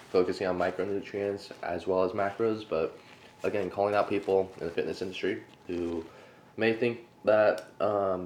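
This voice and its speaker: Deep-voiced casual podcast host. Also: male voice, darkish tone, slight background noise. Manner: rambling, many fillers and restarts; talks while eating, laughs often.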